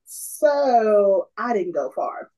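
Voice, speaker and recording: A woman's voice: medium pitch, sing-song, drawn-out words, dark tone, poor audio. A woman hosting a casual podcast chat, laid-back and giggly. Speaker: podcast host.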